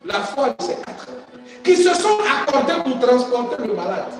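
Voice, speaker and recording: A man preaching with fervour, his voice sitting very high and swinging from shouts down to near-quiet as he calls for responses. It is caught from a distance in a long, echoing hall. Soft music plays behind. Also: big pitch swings, normal speed. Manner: call-and-response with congregation. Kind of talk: sermon. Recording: echoey hall from far off, music.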